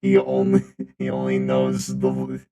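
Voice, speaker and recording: Man in a booming metallic robot voice. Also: monotone, unhurried. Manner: rambling, repeats phrases over and over. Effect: booming, deep, metallic robot voice changer. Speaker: streamer. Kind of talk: casual live-stream chat.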